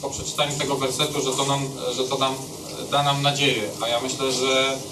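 A man's voice: medium pitch, little pitch movement, fairly quick, bright, forceful tone. A man in the congregation hesitantly asking the preacher a question. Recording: roomy echo, far from the mic.

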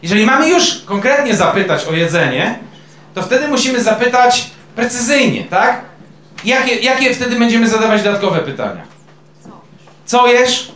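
A man's voice: very high-pitched, animated, normal speed, fairly bright tone, a little hiss or hum. A male pastor preaching a sermon in a conversational way, quizzing his congregation with questions. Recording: echoey room.

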